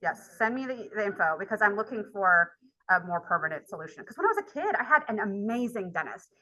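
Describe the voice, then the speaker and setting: Talking fast with big pitch swings, a woman college instructor at medium pitch rambles chattily through a personal story in a casual lecture, using lots of filler. Her voice sounds pushed and bright, and the recording quality is low.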